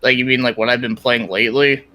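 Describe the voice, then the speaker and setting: Fast, bright, and forceful, this mid-range male voice keeps a level tone. As a guest on a podcast, the YouTube creator chats casually about gaming and his projects, his informal, rambling talk packed with filler words like "like" and the odd mild curse.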